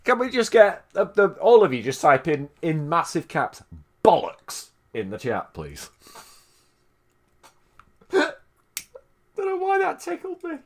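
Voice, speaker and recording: A man with a Manchester accent, hosting a casual live stream and reacting to old tapes with laughter, swearing and quick asides to his chat. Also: sits high, wildly swooping pitch. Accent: Mancunian. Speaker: streamer host.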